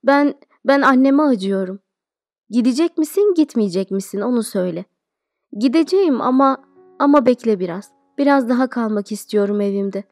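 A woman's voice: on the high side, lively intonation, moderate pace, a little mellow, no echo, studio quality, soft background music. A woman reading the lines of a timid, tearful young schoolboy in an audiobook, in a hesitant, pleading way.

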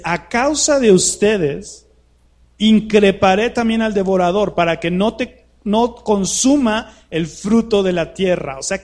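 A man's voice: high voice, darkish tone. A man preaching to a live congregation, talking conversationally and peppering his sermon with rhetorical questions. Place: church hall with a live congregation.

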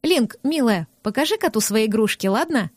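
A woman's voice: a little high, lively intonation, moderate pace, no echo, clean studio sound. A woman voicing a fiery, defiant young redhead. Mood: indignant. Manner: indignant, sharp, defiant. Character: fiery young red-haired woman, proud and stubborn.

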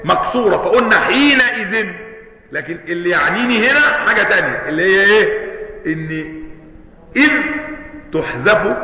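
A high, bright-voiced man with an Egyptian accent teaches in a classroom manner, pausing often to ask his listeners whether they follow. He recites verses between explanations. The recording is dull and lo-fi, with a long hall echo. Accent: Egyptian Arabic. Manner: asks students questions often; quotes and recites Quranic verses. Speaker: Islamic studies teacher. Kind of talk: recorded lesson.

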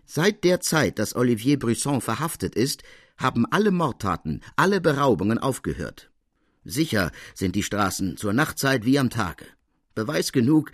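A man's voice: medium pitch, no echo, studio quality, close to an everyday voice. A man voicing a stern, suspicious court president who speaks in a cold, insinuating way. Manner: cold, insinuating, with a venomous smile.

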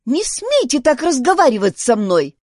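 A woman doing a high, haughty, indignant girl. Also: wildly swooping pitch, normal speed, darkish tone, dry recording, studio quality.

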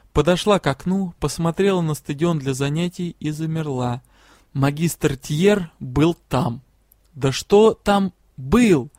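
A man reads a first-person fantasy novel aloud in a measured, quiet storytelling voice. His pitch sits a little above the usual for men. The recording is dry and close, with no room sound. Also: no echo. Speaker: audiobook reader.

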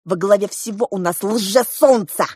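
A woman's voice: mid-range voice, normal speed, a little mellow, husky, dry recording, studio quality, natural voice. A woman voicing a cruel, grey-haired male fake clown who shrieks, whines and mocks in a theatrical way. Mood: gloating.

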